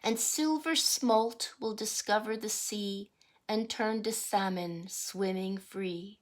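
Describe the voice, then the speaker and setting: Reading deliberately from a rhyming picture book, a woman at a medium pitch acts as a teacher would, breaking off to explain things and pose questions to her young audience.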